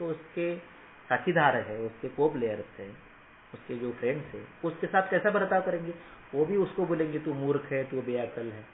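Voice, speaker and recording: A man's voice: on the high side, echoey room, narrow, tinny audio, slight background noise. A man teaching Ayurveda students in an emphatic motivational lecture, often asking the class rhetorical questions. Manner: emphatic, rhetorical questions, mixes English phrases.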